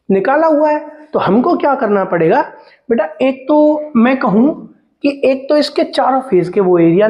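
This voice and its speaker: High-voiced man teaching maths. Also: a little mellow, low-quality recording. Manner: talkative, calls students "beta", asks and answers his own questions. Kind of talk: explaining step-by-step calculations on a board.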